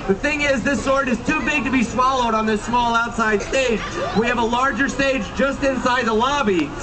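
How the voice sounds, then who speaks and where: High-pitched sword-swallower sideshow barker. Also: male voice, moderate pace. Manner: showman's barker patter, theatrical and emphatic, addressing the crowd. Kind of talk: live sideshow pitch to a street crowd. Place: busy street outside an attraction, later its lobby. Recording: distant mic, crowd around. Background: crowd.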